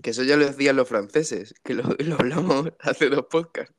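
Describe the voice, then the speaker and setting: A man's voice: medium pitch, normal speed, dry recording. A man from co-hosting a casual comedic podcast, telling stories, laughing often and acting out quotes. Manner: jokey storyteller, laughs often and acts out quotes. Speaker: podcast co-host.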